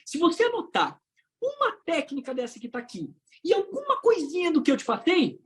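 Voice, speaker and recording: A woman with a Brazilian Portuguese accent giving an online coaching talk for trainers, swinging between loud emphasis and hushed low phrases. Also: huge pitch swings, brisk. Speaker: trainer and motivational speaker.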